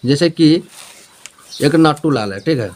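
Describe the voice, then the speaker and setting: Man, Jharkhand accent, grammar teacher, repetitive classroom explaining, slightly high voice. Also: lively intonation, unhurried, a little mellow. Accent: Jharkhand Hindi. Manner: repetitive, explaining with homely examples and checking questions. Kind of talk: Hindi grammar lesson.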